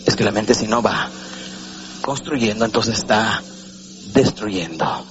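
A Mexican man delivers a live motivational seminar in a hall, speaking slowly with a fairly low-pitched voice. He's animated and theatrical, acting out little voices and quizzing the audience. The recording is muffled, with a noisy background.

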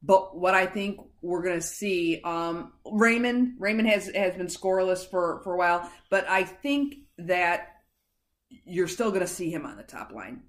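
A woman's voice: fairly low pitch, lively intonation, unhurried, echoey room. A woman co-hosting a casual sports podcast, chatty, interrupting herself and laughing easily. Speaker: podcast co-host.

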